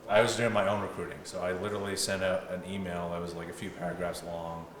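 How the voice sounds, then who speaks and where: Speaking quickly in a low-pitched, level tone, this young man from South Africa plays football and relaxes into his story as an interview guest, sprinkling in plenty of "like" and "you know." Noise and echo fill the room, with the mic set far off.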